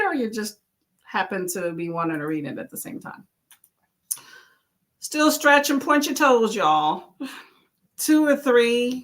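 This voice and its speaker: Woman, livestream host, casual and encouraging, quite animated. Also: fairly high pitch. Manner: chatty, encouraging, exclaims often. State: clearing her throat. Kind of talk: casual live chat reading lines from chat.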